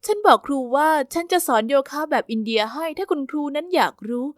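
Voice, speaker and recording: A woman narrating a first-person story with a steady, even storytelling delivery. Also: high-pitched, quick pace, no echo, clean studio sound.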